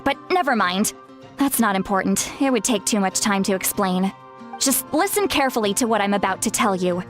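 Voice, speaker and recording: An actress playing an earnest, caring woman guide in a fantasy video game, speaking in a measured, explanatory way. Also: mid-range voice, natural voice. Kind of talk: scripted video game dialogue.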